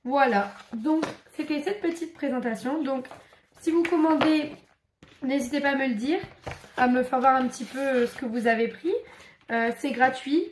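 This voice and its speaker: A woman's voice: high voice, moderate pace, a little hiss or hum. A woman casually showing craft papers to camera, chatty and enthusiastic, with many fillers. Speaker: crafts vlogger. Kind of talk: casual show-and-tell. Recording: echoey room.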